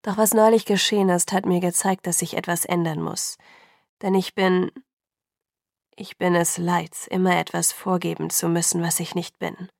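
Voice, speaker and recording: Woman doing a cold grim young vampire man, slow and low, gravelly edge, dry close sound. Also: little pitch movement, a little mellow, no room sound. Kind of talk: audiobook character voice.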